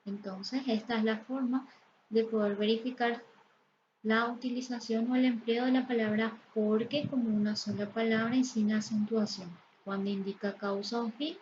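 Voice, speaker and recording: A woman teaching a Spanish grammar lesson, explaining step by step and reading example sentences slowly and carefully. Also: fairly high pitch, darkish tone. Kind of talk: slow, deliberate lesson explanation. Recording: slightly dull, lo-fi sound with faint background noise.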